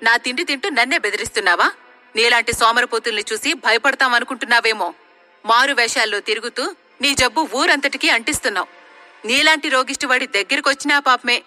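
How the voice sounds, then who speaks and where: A woman voicing a proud young woman, a priest's daughter, who talks in a scornful, sharp-tongued way. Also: on the high side, a little fast, faint music behind.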